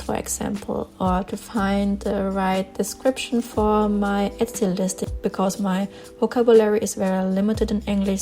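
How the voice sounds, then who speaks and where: Her voice is mid-range with a dark tone as she draws and talks casually for her channel. A non-native English speaker with a German accent, this artist vlogger offers her opinions in an earnest, plain-spoken way, pausing to search for words and repeating herself a little.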